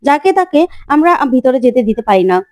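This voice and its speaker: A woman's voice: high voice, very animated, a little fast, warm tone, no room sound. A woman voicing an angry, hostile father barring the family from a hospital room. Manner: hostile, accusing.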